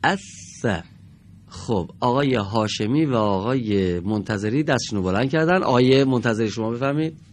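A medium-pitched male teacher leads a televised lesson in a studio, coaxing the pupils along with patience and encouragement. He pronounces each example word slowly and deliberately, and a little hiss or hum runs under the audio.

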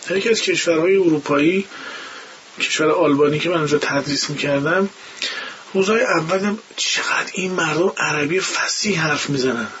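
A man with a high, light voice talks through how vowels are pronounced, like a recitation teacher in an interview. He keeps stopping to act out the sounds he means. The recording is dull and lo-fi, with a faint hiss. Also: a bit bright. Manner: demonstrates pronunciations by imitating sounds. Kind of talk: explanatory interview talk.

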